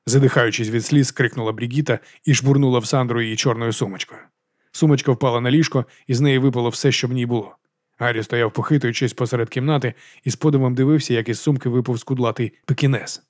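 A man reading a novel aloud as an audiobook narrator, in brisk, even storytelling. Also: mid-range voice, no room sound, clean studio sound.

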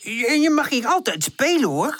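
A woman voicing a boisterous, playful young male dog in a children's audiobook, cheerful and excitable. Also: sits high, normal speed, voice pushed up, exaggerated voice. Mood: excited. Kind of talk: audiobook character voice.

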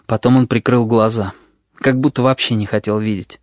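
A man's voice: medium pitch, steady tone, normal speed, a little mellow, no room sound. Man reading a novel aloud, dry close sound. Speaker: audiobook narrator. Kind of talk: literary first-person narration.

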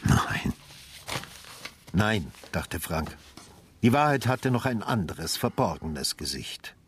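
In a literary radio drama, a male actor voices a brooding, sardonic retired homicide detective, narrating with a slow, deliberate inner-monologue delivery. His husky, low voice swings widely in pitch, grave and insistent, over a faint hiss or hum.

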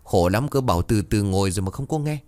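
A man's voice: on the low side, lively intonation, quick pace, a little mellow, no room sound, lightly acted. A man voicing a cheeky young male apprentice who talks urgently. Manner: urgent, pleading.

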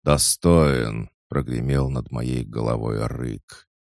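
A man narrating a first-person fantasy audiobook in a measured, steady storytelling manner. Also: very deep voice, vocal fry, no room sound, clean studio sound.

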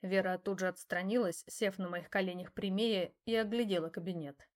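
A woman narrating a first-person novel for an audiobook. Her mid-pitched voice keeps a steady, even storytelling pace. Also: normal speed. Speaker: audiobook reader.

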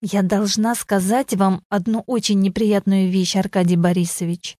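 A woman's voice: mid-range voice, fairly even intonation, moderate pace, dark tone, no echo, studio quality, lightly acted. A woman reading the part of a middle-aged woman who speaks bluntly and with resignation, in an audiobook story. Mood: grim.

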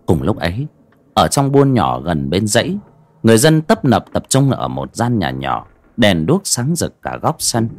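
A man narrating a horror story in an expressive, dramatic way. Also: fairly low pitch, unhurried.

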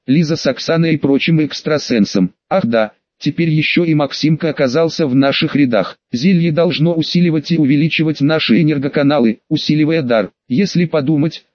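A man reading an audiobook in an even, measured storytelling manner. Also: fairly high pitch, no room sound. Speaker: audiobook narrator. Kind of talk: scripted audiobook narration. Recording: dry, slightly dull lo-fi recording.

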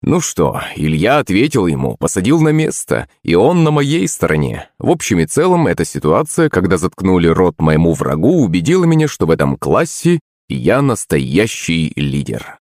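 A man's voice: sits low, huge pitch swings, moderate pace, darkish tone, dry recording, studio quality. A man narrating an audiobook.

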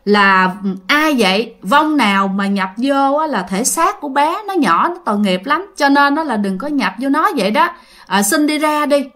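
A woman voicing a polite older village man, who pleads slowly and courteously with a spirit. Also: high-pitched, expressive, fairly bright tone. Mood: pleading.

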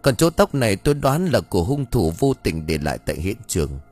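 A man's voice: on the low side, very animated, a little mellow, faint music behind. A man voicing a grave village master. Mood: analytical. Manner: measured, analytical, solemn instructions. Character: grave, methodical male village master investigator.

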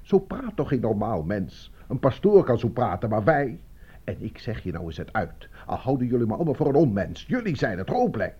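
An actor playing an anxious, pleading fellow prisoner in a radio drama. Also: male voice, mid-range voice, big pitch swings, brisk, warm tone, breathy edge. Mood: worried. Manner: pleading, worried. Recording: dull lo-fi radio play recording.

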